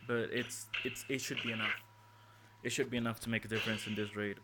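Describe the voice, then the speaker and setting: A gameplay commentator casually talks through his strategy while playing, thinking aloud and restarting hesitantly. His lowish voice is level and fast, and the recording, made on his phone's mic with loud game music behind, is very noisy.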